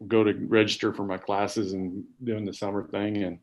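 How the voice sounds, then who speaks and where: A man in his forties from Garland, Texas, an assistant principal, tells rambling, self-deprecating stories on a casual podcast, full of fillers. His voice is lowish and level at normal speed, and the audio sounds dull.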